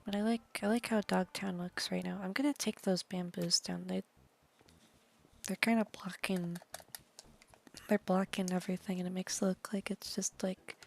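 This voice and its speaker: A woman's voice: lowish voice, creaky, a little mellow. Chatty woman rambling over a game. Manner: rambling, chatty, trails off into half-whispered asides; swears casually. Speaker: game streamer. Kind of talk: casual gameplay commentary.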